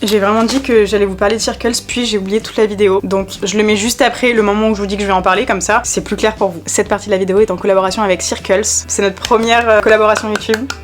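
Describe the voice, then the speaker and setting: Fast-talking chatty young woman vlogger. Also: medium pitch, fairly even intonation. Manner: chatty, rambling. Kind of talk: casual vlog chat.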